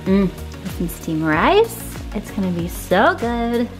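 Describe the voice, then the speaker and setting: A very animated woman in her thirties speaks slowly in a medium-pitched voice. As a fitness vlogger, she chats casually and cheerfully while cooking at home, filmed by a camera on the counter. Her kitchen sounds echoey, and music plays behind her.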